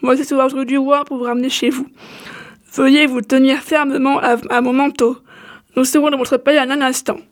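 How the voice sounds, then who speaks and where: Une femme qui prête sa voix à un éclair, messager du roi, au ton formel et courtois. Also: female voice, sits high, flat delivery, fairly quick, close to an everyday voice. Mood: cérémonieux. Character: lightning messenger of the king, formal.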